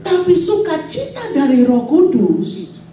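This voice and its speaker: Woman pastor, high voice, mellow tone, lively sermon, echoey church hall heard from afar. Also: takes it slowly, far from the mic. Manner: lively, calls out to the congregation.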